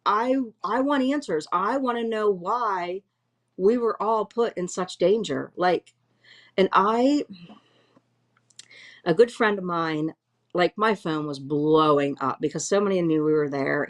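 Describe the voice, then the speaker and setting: A middle-aged woman at home giving an emotional first-hand eyewitness account, halting and restarting as she speaks. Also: fairly low pitch. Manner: halting, restarts often, voice full of distress. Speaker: eyewitness interviewee. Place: at home, dog nearby.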